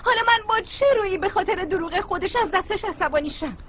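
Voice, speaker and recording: A distraught young woman in a dubbed drama. She is tearful and keeps blaming herself. Her voice sits very high, with faint ambient noise behind it. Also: a bit bright. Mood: hurt. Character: upset young woman, distraught over a lover's lies.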